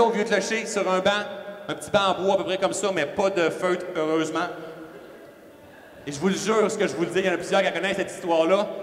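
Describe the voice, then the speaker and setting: Québécois male speaker, high voice, quick animated storytelling, long church-hall reverb. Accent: Québécois French. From Quebec. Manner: fast-talking, animated, self-mocking. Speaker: motivational speaker. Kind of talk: storytelling motivational talk. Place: large church hall before an audience.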